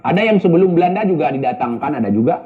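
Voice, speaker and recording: A man talks in a high voice, answering viewer questions in casual commentary. He is blunt and scolding and keeps firing rhetorical questions. The audio is thin and tinny, like a phone line. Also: expressive, rapid-fire.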